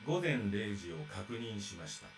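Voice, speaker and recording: A man's voice: on the low side, sing-song, fast talker, slight background noise, low-quality recording. An actor voicing a cold male combat robot in a video game, his voice run through a metallic robot filter, reading out clipped system announcements. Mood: clinical.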